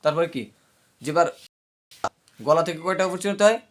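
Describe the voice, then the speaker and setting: A man's voice: on the high side, normal speed, fairly bright tone. A man giving a pronunciation lesson who repeats letter sounds aloud, keeps checking that listeners follow, and has a slight hesitancy in his speech. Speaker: teacher of Arabic letter pronunciation.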